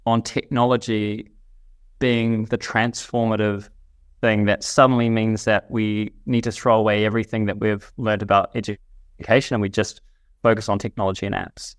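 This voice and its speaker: A man's voice: on the low side, flat delivery, normal speed, smooth, dry recording, clean studio sound. Reflective man. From New Zealand. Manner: thoughtful, reflective, with frequent restarts. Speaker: guest, company CEO. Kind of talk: casual interview chat.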